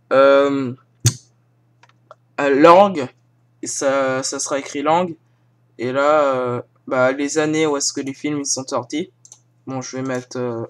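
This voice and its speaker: A young French-speaking man casually walking viewers through film sites, hesitant, full of fillers and self-mocking asides, filmed one-handed on a phone. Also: mid-range voice. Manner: hesitant, many fillers and restarts. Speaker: YouTuber showing film sites. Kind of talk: casual screen-recording tutorial. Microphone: filming with a phone held in one hand.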